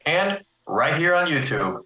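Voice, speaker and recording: A man's voice: on the high side, sing-song, measured pace, pushed and bright. Man arguing his case in a roomy echo. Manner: argumentative, lays out points step by step. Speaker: guest. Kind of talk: casual live-stream chat.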